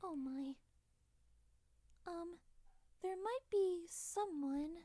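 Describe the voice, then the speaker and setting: An actress playing a shy, kindly young pony princess in a cartoon fantasy, earnest and a little hesitant. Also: female voice, very high-pitched, extremely slow, heavily acted. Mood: flustered. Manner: soft-hearted, hesitant and earnest.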